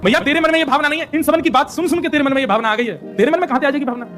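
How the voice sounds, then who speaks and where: Child Krishna as a sulking, pleading small boy, high and quick, played by a man. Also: fairly bright tone, faint music behind.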